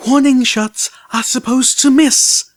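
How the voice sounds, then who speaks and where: A man's voice: on the high side, expressive, brisk, pitched above the performer's own voice. A man voicing a refined mare healer, speaking sternly. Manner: stern, sharp.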